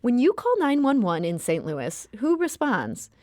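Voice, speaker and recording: A woman's voice: on the high side, huge pitch swings, unhurried, a little mellow, no echo, clean studio sound. A woman hosting a radio talk show, reading introductions and putting questions to guests. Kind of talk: scripted introductions and interview questions.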